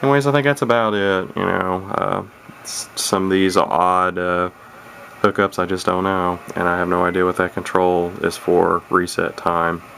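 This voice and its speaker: A vintage radio hobbyist presents his own video, giving an unscripted, casual demonstration in a rambling, hesitant, self-deprecating way. His voice is low, slightly bright and level, at a moderate pace. The home camera mic recording is clearly noisy, with obvious background noise.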